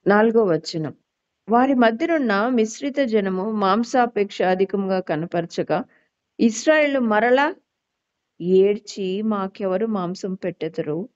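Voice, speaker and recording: A woman preaching a scripture lesson, reading verses slowly and then turning to question her listeners. Her voice sits at a middle pitch. The recording is dull and lo-fi. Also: animated, darkish tone. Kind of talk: Bible teaching sermon.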